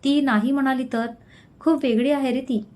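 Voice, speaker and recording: An earnest, caring young man in a storybook reading, read out by a woman. He sounds worried and a little cross with his friends, speaking in a fairly high voice. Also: fairly even intonation, moderate pace, darkish tone, lightly acted. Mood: concerned.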